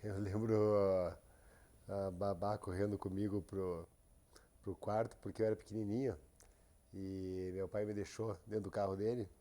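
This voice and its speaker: A man speaks as a podcast guest. His voice is low and dark, and he talks in a relaxed, halting way, often restarting mid-sentence. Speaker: guest, company CEO. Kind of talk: casual interview.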